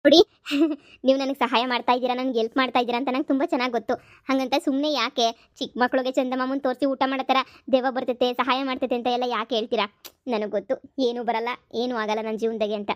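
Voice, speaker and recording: A woman's voice: sits high, level tone, fast, no echo, studio quality, natural voice. A woman voicing a troubled young woman in a cartoon, talking in a resigned, complaining way. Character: troubled young woman, sad and self-pitying.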